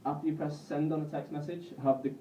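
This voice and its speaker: A man in his twenties from Bolton with a Northern English accent, doing a live stand-up set in a self-deprecating, halting way with frequent swearing. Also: a little high, flat delivery, mellow, a little hiss or hum. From Bolton, England. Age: 20s. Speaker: stand-up comedian. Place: comedy club stage. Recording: roomy, distant, muffled live recording.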